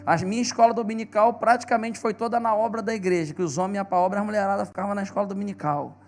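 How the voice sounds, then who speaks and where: Brazilian pastor guy, high voice, animated storytelling sermon, gets emphatic. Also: fast, soft background music. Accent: Brazilian Portuguese. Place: church.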